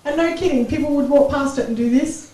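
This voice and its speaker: A young Australian woman performing a stand-up comedy set, chatty and self-mocking, breaking into loud giddy bits. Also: sits high, fast talker. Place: small comedy club stage. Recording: echoey club recording from far off.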